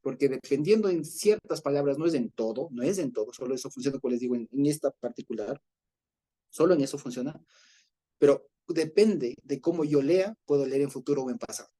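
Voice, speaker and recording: A man leading an informal Bible study, explaining patiently, checking in with his listeners and pausing on fillers as he searches for words. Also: mid-range voice, dark tone. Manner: explanatory, often checks in with a questioning "ya?"; hesitant, with fillers and restarts.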